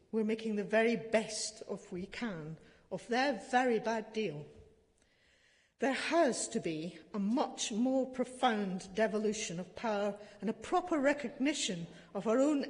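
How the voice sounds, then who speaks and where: A woman delivers a formal council speech with passion and indignation. Her pitch is middling, and she leans on lists and repetition for emphasis. Her voice rings with the long reverb of a large indoor hall. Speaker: city councillor.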